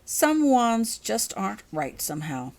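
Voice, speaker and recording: A woman's voice: medium pitch, sing-song, unhurried, darkish tone, pitched above the performer's own voice. Serene, detached Professor Lovegood, read by a woman. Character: serene, dreamy, unconcerned female magic-school professor.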